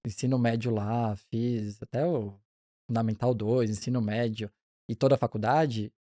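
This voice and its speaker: A man in his forties, a pediatric neonatologist, telling his career story in a relaxed, chatty interview with frequent restarts. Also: medium pitch, moderate pace, dry recording, clean studio sound.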